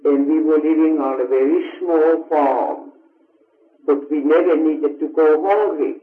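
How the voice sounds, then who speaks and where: A woman in her seventies from Finland, a native Finnish speaker, recalls her childhood in an oral history interview, speaking slowly and pausing to search for words. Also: deep voice, fairly even intonation. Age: 70s. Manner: slow and reflective, pauses to search for words. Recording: tinny, echoey old tape recording.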